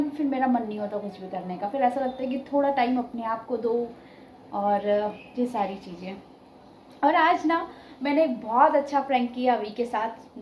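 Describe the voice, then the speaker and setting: A woman's voice: high voice, a little mellow. A woman in her thirties, a vlogger chatting casually at home, telling a story and laughing, recorded on a phone. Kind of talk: casual vlog chat. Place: at home, echoey room. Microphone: phone camera. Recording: echoey home room, faint room noise.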